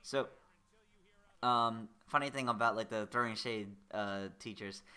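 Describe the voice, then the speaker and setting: A man's voice: on the low side, a little slow, pushed and bright. A young man streaming a video game, chatting casually and rambling through stories. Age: young adult. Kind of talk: casual let's-play chat.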